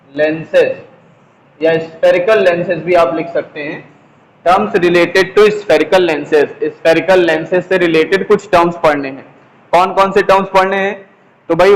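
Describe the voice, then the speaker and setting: A man teaches a class in a high, steady voice that stays on an even pitch. He goes slowly, repeating each key term and putting questions to his students. His voice rings with a long reverb, as in a hall. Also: a little hiss or hum. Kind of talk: classroom lesson, explaining while writing on a board.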